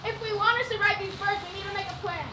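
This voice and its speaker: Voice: extremely high pitch, steady tone, very fast, echoey room. A child performer playing a bold, scrappy creature in a children's stage play, with broad, emphatic theatrical delivery. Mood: bossy, urgent. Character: bold, scrappy small creature plotting against birds. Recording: distant stage recording with clear background noise.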